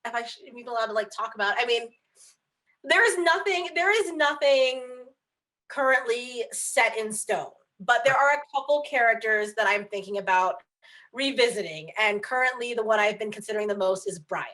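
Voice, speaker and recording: A woman's voice: on the high side, lively intonation, normal speed, bright, forceful tone. A woman guest author chatting candidly on a video call, leaning on filler words and restarts. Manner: frank, candid. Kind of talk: casual chat on video call.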